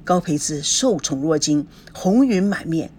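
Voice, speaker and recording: Woman narrator, audiobook novel, expressive, animated pitch. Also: a little slow, husky. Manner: expressive storytelling.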